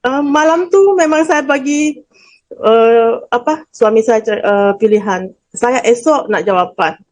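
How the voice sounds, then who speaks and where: A woman speaking on a forum panel, her voice sitting a little high for a woman. She tells her own story candidly and from the heart, emotional and near tears at times. She often pauses with fillers as she gathers her thoughts. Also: darkish tone, low-quality recording. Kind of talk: personal testimony at a religious forum.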